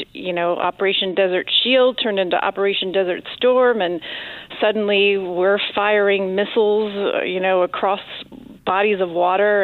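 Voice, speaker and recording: A woman in her fifties, a TV news anchor, telling her story in an interview at a thoughtful pace with frequent pauses. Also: medium pitch, dry recording. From born in the Philippines, raised in many countries. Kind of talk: casual interview conversation. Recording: tinny phone line, dry.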